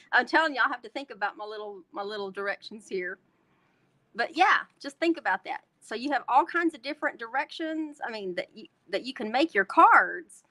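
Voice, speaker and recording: A woman's voice: a little high, lively intonation, normal speed, bright, forceful tone. Chatty Texan woman with a Southern twang. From North Texas, USA. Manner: chatty, folksy, talks to viewers as y'all. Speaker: host demonstrating card making. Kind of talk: casual live-stream craft tutorial.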